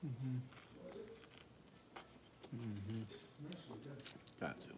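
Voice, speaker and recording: A man's voice: lowish voice, drawn-out words, roomy sound. A man eating and murmuring approval with his mouth full of corn on a casual eating vlog. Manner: relaxed, murmured approval while chewing. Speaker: mukbang vlogger. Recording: noisy eating audio with clicks.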